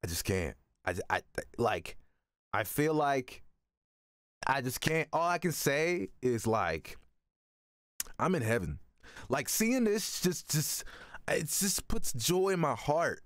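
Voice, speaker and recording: Man, young adult, live reaction commentary, exuberant, repetitive slang, hugely animated pitch, unhurried pace. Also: no echo. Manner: exuberant, slangy, repeats himself. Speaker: streamer and voice actor reacting to video. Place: small home studio room, indoors.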